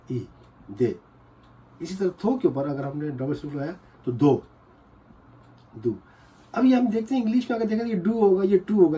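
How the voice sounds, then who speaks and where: A man teaching a casual lesson, slowly explaining and repeating syllables again and again. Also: a little high, warm tone. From Pakistan. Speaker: language teacher.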